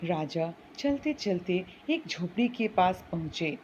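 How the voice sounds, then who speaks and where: A woman teacher slowly reading and explaining a story to children. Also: dull audio, slight background noise. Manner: slow and explanatory, with lively pitch.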